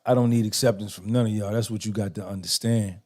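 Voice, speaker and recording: A man's voice: lowish voice, fairly even intonation, quick pace, dark tone. A middle-aged man hosting a podcast, giving an emphatic, swaggering motivational monologue full of repetition and cursing. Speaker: podcast host.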